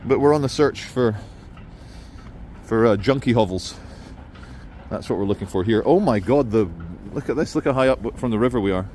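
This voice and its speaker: A man's voice: mid-range voice, normal speed, darkish tone. A man talking in a rambling, opinionated monologue as he records a walking vlog outdoors in a city. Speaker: vlogger. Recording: outdoor city and traffic noise.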